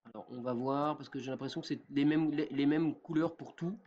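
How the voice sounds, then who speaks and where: Man walking through a software tutorial. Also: fairly high pitch, fairly quick, dull audio, a little hiss or hum. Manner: talks step by step with many fillers and a repeated "d'accord?". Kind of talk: screen-recorded software tutorial.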